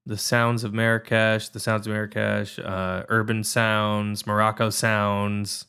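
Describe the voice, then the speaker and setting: A man's voice: fairly low pitch, little pitch movement, measured pace, creaky, sharp tone, clear, resonant tone. A man co-hosting a podcast in casual chat, easygoing, laughing often and explaining things plainly. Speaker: podcast co-host.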